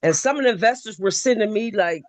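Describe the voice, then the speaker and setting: A woman's voice: mid-range voice, expressive, fast, dry recording. A woman from Ohio joining a video call, talking at length in a loose, filler-heavy way. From Ohio, USA. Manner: talkative, loose storytelling with many fillers. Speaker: webinar participant. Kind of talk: casual conversation.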